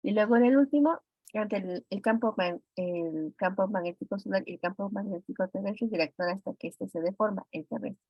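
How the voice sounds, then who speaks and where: A woman's voice: mid-range voice, a little fast, no room sound. A woman teacher with a Mexican Spanish accent explains exam answers one by one and turns to her students with questions. The sound is dry and a little muffled, as if from a modest mic. She keeps a patient, methodical teaching rhythm. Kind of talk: classroom exam review.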